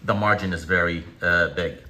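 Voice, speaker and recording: A man's voice: low-pitched, normal speed, very noisy. A middle-aged man chatting casually as he films and referees a children's challenge at home. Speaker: father filming and refereeing a kids' challenge. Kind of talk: casual chat. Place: home dining room and kitchen. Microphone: behind the handheld camera.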